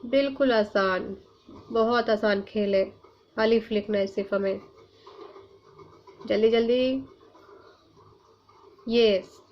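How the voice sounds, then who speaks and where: A woman teacher talks to young children in a slightly high voice, moving at a very slow, deliberate pace. She stretches out each letter and word as she sounds it, then asks gentle questions to check that they follow. The recording is muffled and lo-fi, with a faint hum behind her. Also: steady tone. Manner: patient, coaxing questions to children. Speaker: Urdu teacher. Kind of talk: online class for young pupils.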